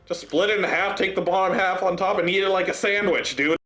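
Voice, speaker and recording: A man's voice: high-pitched, fairly quick, faint music behind. A man gaming YouTuber reading a visual novel aloud, cracking jokes between lines. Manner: animated, joking.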